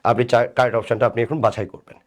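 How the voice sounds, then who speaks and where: A man's voice: mid-range voice, level tone, quick pace. A man with a Bangladeshi Bengali accent teaching a live online English grammar class, asking and answering his own questions and teasing commenters by name. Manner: conversational, asks and answers his own questions, repeats "right?".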